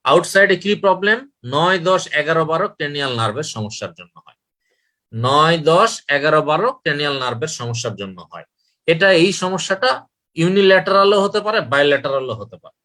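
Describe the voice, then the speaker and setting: A man's voice: a little high, expressive, fairly quick, bright, forceful tone. A man giving a medical lecture, repeating key points and asking questions he then answers himself. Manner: repetitive, asks and answers own questions.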